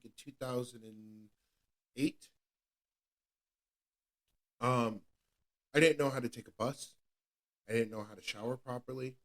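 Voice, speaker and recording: Speaking in a mid-range voice, this thirtysomething podcast co-host from New England gives an earnest, candid account of his own experience. He repeats himself and often starts his sentences over.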